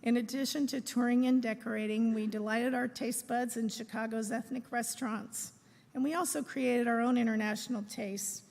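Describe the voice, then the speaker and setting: A middle-aged woman reads a prepared eulogy aloud in a measured, phrase-by-phrase way, speaking in a large room. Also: fairly high pitch, steady tone, vocal fry, darkish tone. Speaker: daughter giving a eulogy. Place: large room at a memorial service. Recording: echoey hall with long reverb.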